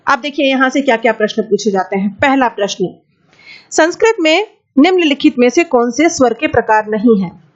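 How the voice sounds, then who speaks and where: Woman, high voice, Sanskrit teacher, exam-prep lesson, asks and answers her own questions, slightly dull audio. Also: expressive. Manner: draws out vowel sounds slowly.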